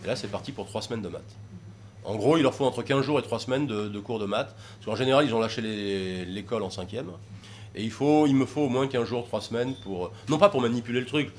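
In an informal talk that takes questions from the audience, a man with a medium-pitched voice describes taking troubled youths out sailing. He rambles, full of hesitations and fillers, and there is slight background noise.

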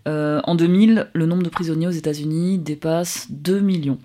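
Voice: mid-range voice, moderate pace, dark tone. A radio co-host in the studio who asks questions and explains. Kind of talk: radio talk segment.

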